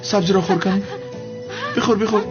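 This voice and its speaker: A man's voice: high voice, steady tone, lightly acted. A man voicing a flustered helper in a dubbed TV drama, coaxing and fussing. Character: flustered man fussing over a fainted girl. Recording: dull dubbed TV audio with loud music.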